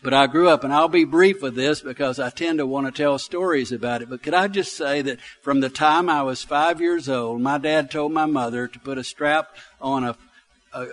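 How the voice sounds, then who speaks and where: A man's mid-range, fairly bright voice carries a folksy sermon built on personal anecdotes, with phrases repeated for emphasis. He's a pastor in his sixties from Alabama, United States, speaking with a Southern US accent.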